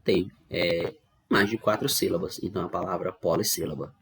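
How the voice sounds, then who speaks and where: A man's voice: deep voice, fairly even intonation, normal speed, vocal fry, a bit bright, breathy edge. A man with a Brazilian Portuguese accent teaching an online grammar lesson, patiently explaining step by step and often checking that students follow. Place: home recording for online class.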